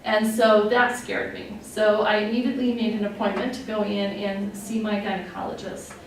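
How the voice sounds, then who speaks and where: A woman's voice: medium pitch, flat delivery, normal speed. A woman in her forties from Wyoming, a nurse executive telling her own story in a candid, conversational way, with many fillers and open emotion. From Wyoming, USA. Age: 40s. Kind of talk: personal testimony talk. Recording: echoey room, distant mic, faint noise.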